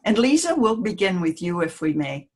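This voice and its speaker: A woman hosting an online panel discussion, introducing guests in a measured way. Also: on the low side, very animated, a little mellow. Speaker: panel host.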